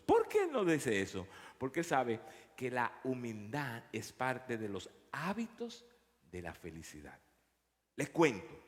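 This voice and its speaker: Animated preacher with a bright voice. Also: male voice, fairly high pitch, big-room sound. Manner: storytelling, animated, repeats words. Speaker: pastor. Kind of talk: sermon. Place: church.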